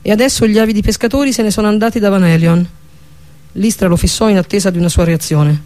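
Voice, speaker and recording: A man narrating a fantasy audiobook with a steady, even reading manner. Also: high-pitched, quick pace. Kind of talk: scripted narration of a fantasy novel.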